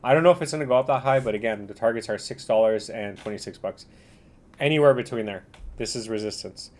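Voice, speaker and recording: A man hosting a casual livestream commentary, talking in a slangy bro style with a rambling, halting delivery. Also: mid-range voice. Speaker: livestream host reviewing cryptocurrency charts.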